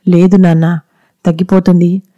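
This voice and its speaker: A woman's voice: level tone, normal speed, dry recording, lo-fi sound, close to an everyday voice. A woman voicing a distraught young mother who cries and scolds sharply. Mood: tender. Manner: tearful, sharp and shrill when scolding.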